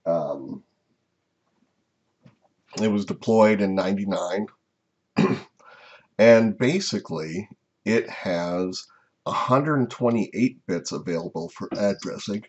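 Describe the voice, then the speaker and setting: Deep, husky-voiced man lecturing slides. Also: darkish tone, dull audio. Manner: unhurried, explanatory, frequent "uh" and "um" fillers. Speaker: instructor.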